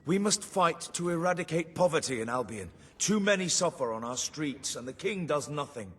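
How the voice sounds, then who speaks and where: An earnest campaigner in a fantasy game. His husky voice sits fairly high and swings widely as he pleads with effusive deference. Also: lively intonation, moderate pace, a bit bright. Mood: pleading. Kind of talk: video game voice acting.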